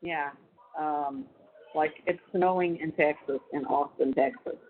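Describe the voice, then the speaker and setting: A woman's voice: deep voice, fairly even intonation, unhurried. A woman talking on a prison payphone call, rambling casually with many fillers. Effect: heard over a prison payphone call. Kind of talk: casual phone chat. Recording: tinny phone line.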